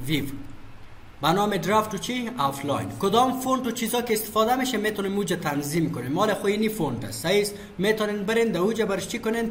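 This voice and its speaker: A man's voice: high voice, slight background noise. A man giving a screen-recorded computer lesson, asking questions and answering them himself. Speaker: computer teacher. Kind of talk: screen-recorded software tutorial.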